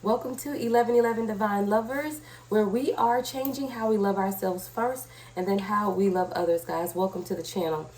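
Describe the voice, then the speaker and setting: A tarot reader and channel host, sick with a cold, leads a conversational reading in a mid-range, slightly mellow voice at a moderate pace. Her voice is a bit scratchy, and she speaks straight to viewers, checking in with short tag questions.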